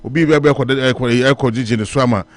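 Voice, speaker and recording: A man with a Ghanaian English accent speaking as a radio panelist, halting and restarting often and slipping into local-language phrases. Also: medium pitch. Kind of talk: radio talk show discussion.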